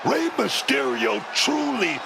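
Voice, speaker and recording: A man's voice: high-pitched, wildly swooping pitch, slow, vocal fry. A man giving hype commentary at a wrestling show. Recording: loud crowd and noise behind.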